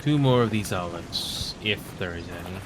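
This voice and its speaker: A low-pitched, expressive voice at normal speed belongs to a Finnish-born man, a native Finnish speaker, chatting on a live stream while he plays. He rambles, repeats himself and mutters at the game, with noise in the background.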